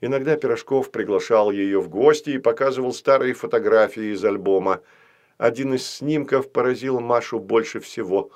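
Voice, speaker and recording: Expressive male storybook narrator. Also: medium pitch. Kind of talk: children's audiobook narration.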